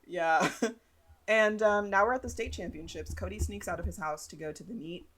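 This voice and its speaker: A woman's voice: medium pitch, normal speed, crowd noise. A young woman co-hosting a podcast, casually recapping a movie, laughing often and acting out quotes. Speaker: podcast co-host. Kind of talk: casual chat recapping a film.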